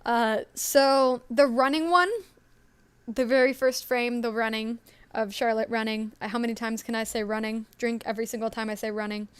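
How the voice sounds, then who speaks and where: A woman's voice: on the high side, little pitch movement, normal speed, clean tone, no room sound. A woman co-hosting a casual live stream, talking in a chatty, rambling way with many ums and little laughs. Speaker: story creator and stream co-host.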